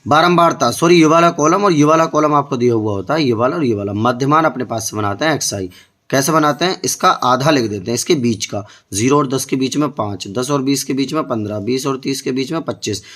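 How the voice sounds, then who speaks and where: Guy tutoring math, walks thru each step, keeps asking the kids stuff, middle pitch. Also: a little fast, a bit bright. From India. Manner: explains step by step, keeps asking the students questions. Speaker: math teacher. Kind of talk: board-exam tutoring lesson.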